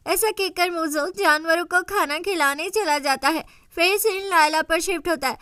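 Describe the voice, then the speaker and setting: A woman tells an episode recap in a steady, scene-by-scene storytelling manner. Her voice sits high and bright. The sound is dry and close, with no room echo. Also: normal speed. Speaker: drama recap narrator.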